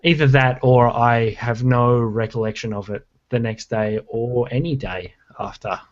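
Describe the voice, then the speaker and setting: A man jokes and teases his co-hosts on a casual podcast over a video call. His reactions come quick and his voice sits at a middle pitch. The call audio is dull and lo-fi. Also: fairly even intonation. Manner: joking, quick reactions, teasing. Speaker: podcast co-host.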